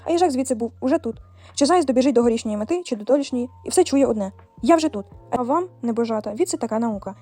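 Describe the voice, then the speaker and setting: A woman reading a fairy tale aloud for children in a lively, folksy telling. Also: on the high side, racing, no echo. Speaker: storyteller.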